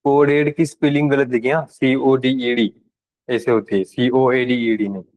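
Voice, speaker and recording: A man's voice: medium pitch, little pitch movement, normal speed, darkish tone, poor audio. Man teaching a coding class, casual. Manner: casual and direct with students, switching between Hindi and English terms. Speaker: programming instructor. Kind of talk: live classroom lecture.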